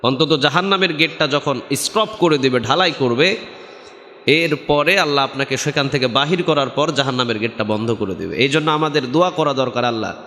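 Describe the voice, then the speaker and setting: A male preacher delivers a sermon in a rising and falling chant that slides into song. His voice is bright and forceful, and it rings with a long reverb as if in a large hall. He acts out the people in his story with dramatic swings of pitch. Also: fairly quick. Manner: chanting, sweeping pitch swings, acting out quoted speakers. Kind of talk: sung Bengali waz sermon.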